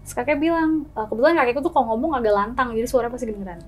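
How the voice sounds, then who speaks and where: Seorang perempuan bercerita dengan santai dan hidup, memerankan adegan dan percakapan dengan suaranya sendiri. Suaranya agak tinggi. Ada sedikit suara latar yang samar. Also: female voice, fairly high pitch, rapid-fire, slight background noise. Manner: lively, acts out scenes with gestures and quoted dialogue. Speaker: guest telling her own experience. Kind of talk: casual storytelling chat.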